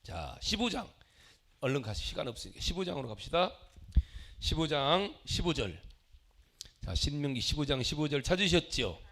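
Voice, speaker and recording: Middle-aged male preacher, theatrical and expressive, high voice with wide swings in pitch. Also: normal speed, long pauses. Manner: dramatic, acts out quarrels and switches between loud and quiet. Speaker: pastor. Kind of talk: sermon.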